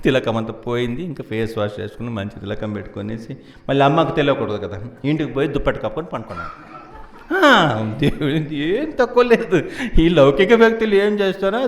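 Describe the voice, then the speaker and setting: A man's voice: medium pitch, reverberant. A man preaching a devotional story in a playful way, laughing often and acting out the characters.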